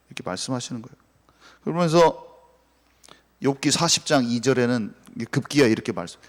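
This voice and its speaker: Man, pastor, impassioned sermon, very lively pitch, reverberant hall. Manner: impassioned, swings between hushed and raised.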